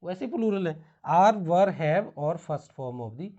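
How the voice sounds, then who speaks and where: A man with an Indian accent teaching English grammar in a classroom, explaining slowly in Hindi mixed with English and spelling words out. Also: a little high, expressive, warm tone, lo-fi sound.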